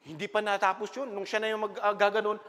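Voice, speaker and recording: A man, a pastor preaching a sermon with animated storytelling in a church. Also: high-pitched, quick pace. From Philippines. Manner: mixes English and Tagalog, animated storytelling. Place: church sanctuary. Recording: reverberant church hall.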